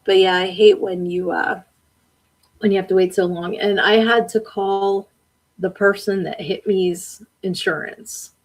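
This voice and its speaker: Her voice sits on the low side, gravelly and darkish with a breathy edge, captured on a rough recording. Hosting a casual live-stream podcast, she reads out comments from viewers, talks back to the chat, and keeps laughing.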